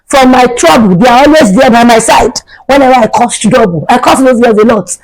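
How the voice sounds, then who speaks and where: A young woman telling a storytime vlog in an animated, dramatic way, her pitch jumping suddenly. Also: brisk, rough recording. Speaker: vlogger.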